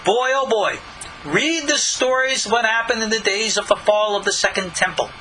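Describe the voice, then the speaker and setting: A man with a high voice and sharp tone, a rabbi, moves at a moderate pace through a recorded Bible study lesson. His teaching is earnest and explanatory, with rising emphasis on important words, captured in a rough recording.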